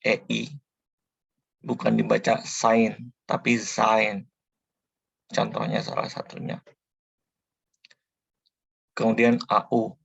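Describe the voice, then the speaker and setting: A man teaches in a slow, unhurried tutorial voice, low and gravelly with a husky edge. He delivers it flatly and keeps repeating each sound with patience. The recording is dry and a little dull. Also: no room sound. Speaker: language teacher.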